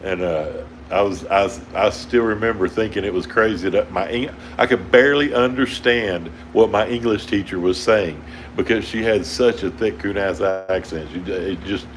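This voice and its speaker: A man with an Oklahoma drawl chats casually with livestream viewers from a towboat, rambling and chuckling a lot. His pitch sits fairly low, and he talks at a normal speed with few pauses. An air conditioner hums steadily in the background.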